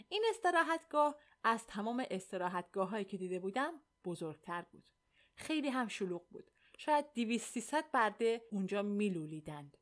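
Woman narrating a novel steadily. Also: mid-range voice. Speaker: audiobook narrator. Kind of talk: first-person novel reading.

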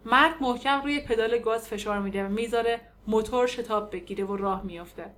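A woman narrating an audiobook in a measured, descriptive way. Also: fairly high pitch, a bit bright. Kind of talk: scripted narration.

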